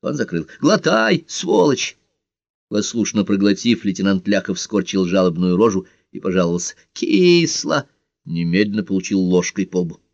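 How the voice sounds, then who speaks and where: A man narrating an audiobook in an expressive storytelling manner. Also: low voice, brisk, hardly any pauses, no echo, lo-fi sound. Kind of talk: scripted narration.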